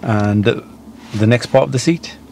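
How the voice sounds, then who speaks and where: A man's voice: mid-range voice, normal speed, creaky. A man in his thirties working as a driving instructor, talking a learner through steps and often checking with a "yeah?". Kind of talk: instructing a learner, conversational question and answer. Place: inside a parked car. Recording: noticeable car-cabin background noise.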